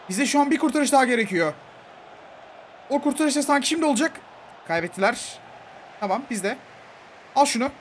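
High-voiced excitable young man gaming. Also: a little hiss or hum. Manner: excitable, pleads with the coach, shouts at the referee. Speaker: gaming YouTuber. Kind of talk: live gameplay commentary.

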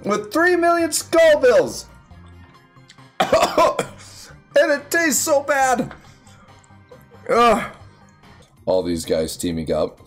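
A young man giving casual, excitable commentary while playing a video game, yelping and squealing at his wins. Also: very high-pitched, very slow, long pauses. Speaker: gaming YouTuber. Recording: faint music behind.

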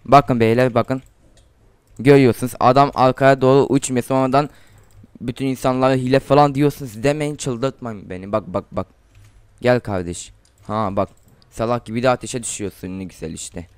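Here a teenage gaming YouTuber from Turkey offers relaxed commentary while playing, mocking opponents and growing loud and excited in fights. His very clear, medium-pitched voice moves at normal speed, and the desk mic at his computer captures it close and dry, with no echo.

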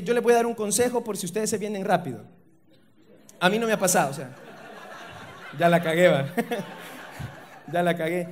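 High-voiced Salvadoran man doing stand-up. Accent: Salvadoran Spanish. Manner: slangy, punchy, loud asides to the crowd. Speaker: stand-up comedian. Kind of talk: stand-up comedy set. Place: comedy stage before a live audience.

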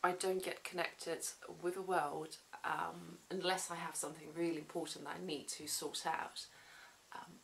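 Filmed first at arm's length and then from the floor in a small living room, a Swedish-native lawyer in her thirties chats reflectively about her day in human rights law, full of ums and restarts. Her low-leaning voice is level, gravelly, and a bit bright, at normal speed. The low-quality recording has a little hiss or hum.

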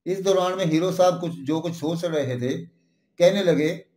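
A man narrating a literary short story in a measured, expressive reading voice. His voice sits a little high, and the recording has a noticeable roomy echo. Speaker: story reader.

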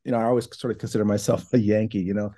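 There's a crowd audible behind this middle-aged man, whose lowish voice stays steady as he speaks rapid-fire. He's a foundation president from New Hampshire and Ohio, United States, a guest in a casual online interview over a laptop video call from his home office. His talk is thoughtful and casual, with lots of fillers and restarts.

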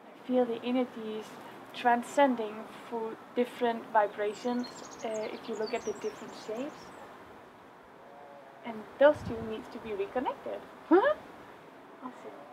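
A woman in her thirties speaking softly and dreamily in a casual vlog, halting with fillers, recorded outdoors on a mountainside by a camera mic a few metres away. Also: fairly high pitch, steady tone. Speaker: vlogger. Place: outdoors in a rock cave on a mountainside. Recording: outdoor ambient noise.

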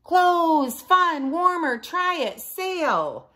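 A woman's voice: fairly high pitch, sing-song, sharp tone, voice pushed up, full character voice. A woman doing a chirpy young mole rat boy. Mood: excited. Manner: slow, sing-song and eager. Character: young male naked mole rat, cheerful and clothes-loving.

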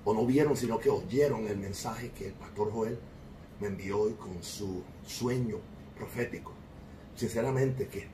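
A man's voice: lowish voice, measured pace. A male host solemnly reflecting on a voice message he has just played to his listeners. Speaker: host and preacher. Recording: distant mic with noisy background.

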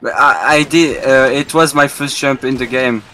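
A man in casual gaming chat, blunt and quick to swear. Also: mid-range voice, bright, forceful tone. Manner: blunt, swears in short bursts. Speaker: gamer.

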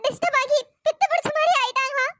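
A worried younger sister in a cartoon story, voiced by a woman pleads earnestly with her brother. Her voice is very high and squeaky, with a bright, sharp edge. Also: fairly even intonation, fast talker, dry recording. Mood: pleading.

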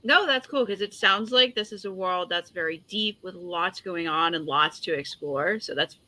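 A woman hosting a casual author interview, bubbly and quick to laugh. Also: fairly low pitch, bright, forceful tone, no room sound. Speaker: podcast host and fantasy author.

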